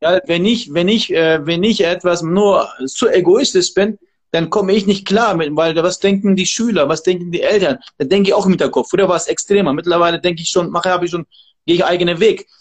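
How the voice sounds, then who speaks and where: A man's voice: sits high, fairly quick. A man, a martial arts trainer and guest, talking casually in an interview in an emphatic, motivational way.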